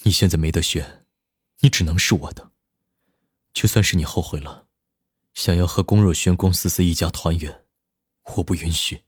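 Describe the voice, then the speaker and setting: A man voicing a domineering, possessive powerful man, speaking low, firm and intense. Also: normal speed, long pauses, slightly rough, dry recording, clean studio sound. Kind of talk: audiobook character voice.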